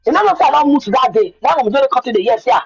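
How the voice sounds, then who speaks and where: Nigerian woman, husky voice, Pidgin personal account, emphatic repetition, muffled lo-fi recording. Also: high voice, lively intonation, racing. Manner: repeats words for emphasis. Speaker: guest telling her own story.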